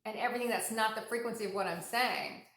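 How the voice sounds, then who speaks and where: A woman's voice: on the high side, fast talker, a bit bright. A middle-aged woman giving a casual, frank spiritual talk as an intuition coach. She swears freely and often repeats herself. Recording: roomy echo.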